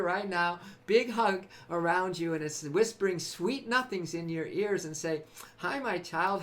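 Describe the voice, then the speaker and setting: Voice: mid-range voice, fairly bright tone. A host from California giving a spiritual, motivational live-stream talk. The host laughs often, repeats phrases, and speaks to viewers by name.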